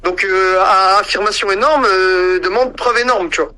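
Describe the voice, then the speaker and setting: A man's voice: high voice, normal speed, bright, forceful tone, clear, resonant tone. A man moderating a heated online debate, hesitant and full of fillers as he hands out turns and keeps order.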